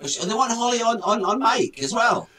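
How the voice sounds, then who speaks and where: A man's voice: very high-pitched, lively intonation, normal speed, bright, forceful tone, far from the mic. A man co-hosting a casual chat show, cheeky and teasing, throwing in jokes. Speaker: co-host.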